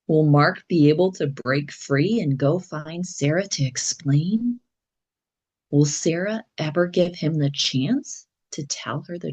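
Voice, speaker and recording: Female teacher-narrator, calm and deliberate storytelling, slightly low, husky voice. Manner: calm, deliberate storytelling, some lines near a whisper. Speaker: English teacher. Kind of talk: slow scripted story narration for learners.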